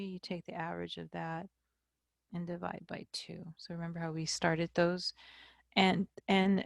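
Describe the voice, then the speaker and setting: A woman math instructor giving a recorded lecture, explaining slowly and checking in with "okay?". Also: lowish voice, gravelly, no room sound, studio quality.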